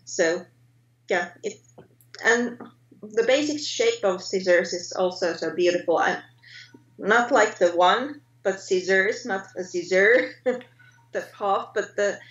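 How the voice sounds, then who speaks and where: This guest artist, a Finnish woman in her thirties, talks in English with a Finnish accent during a relaxed video-call interview, pausing often for words and correcting herself as she goes. Her pitch is medium. The webcam recording from her home art studio sounds roomy, dull and lo-fi.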